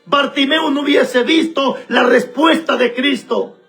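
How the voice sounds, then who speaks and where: A pastor preaching with a very high, bright, ringing voice. He hammers points home through repetition and speaks straight to the listener. Soft music plays faintly behind him. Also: a little slow. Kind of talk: sermon.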